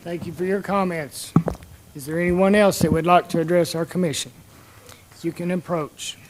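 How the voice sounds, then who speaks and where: A man's voice: high voice, steady tone, normal speed, slight background noise, poor audio. A man chairing a formal meeting in a polite, procedural way. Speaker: commission chairman. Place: indoor public meeting room.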